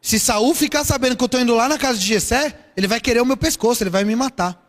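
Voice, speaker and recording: A man's voice: very high-pitched, quick pace. A man voicing a frightened old male prophet who pleads anxiously, in a reverberant hall. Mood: fearful.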